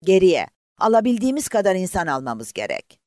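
A man's voice: sits high, wildly swooping pitch, a little fast, a little mellow, dry recording, clean studio sound, pitched above the performer's own voice. A man voicing a commanding male ship's officer who barks urgent orders in a lifeboat, read as a character in an audiobook.

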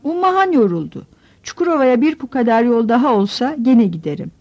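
A woman's voice: very animated, brisk, a little mellow. Woman putting on a bragging little boy. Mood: boastful. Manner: bragging, high and childlike. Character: boastful little village boy. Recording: dull lo-fi audiobook recording.

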